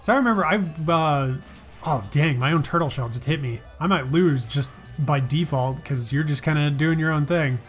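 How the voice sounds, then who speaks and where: A man's voice: on the high side, moderate pace, faint music behind. A man in his thirties casually commentating as he plays, explaining things playfully as the host. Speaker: host of a family gaming show.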